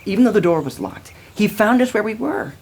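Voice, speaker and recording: Lady as awestruck disciple guy, husky, stammery, earnest, pitch jumps around. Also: animated, fairly quick, a little mellow. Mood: awed. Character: earnest, awestruck male disciple interviewed as eyewitness. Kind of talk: comedy sketch interview acting.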